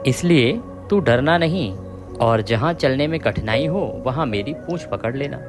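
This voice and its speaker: A man's voice: medium pitch, expressive, unhurried, lightly acted. A man voicing a serpent who turns into a stern but caring brother, in a devotional story told over music. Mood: kind.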